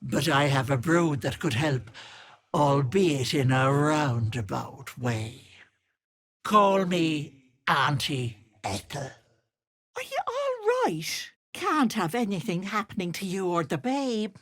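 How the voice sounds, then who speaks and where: A husky, low-voiced old hag, purring sugary endearments that curdle into sly menace. She drawls slowly and swoops widely up and down in pitch, like a cruel game villain playing the kindly auntie. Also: exaggerated voice. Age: older. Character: wicked old hag posing as a sweet auntie. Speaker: game character. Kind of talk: video game voice acting.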